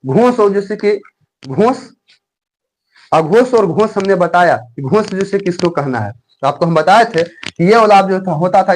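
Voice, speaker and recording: A man's voice: sits high, poor audio. A man teaching a grammar lesson for exam prep, repeating himself and quizzing viewers. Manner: repetitive, fills speech with "jaise ki", quizzing viewers.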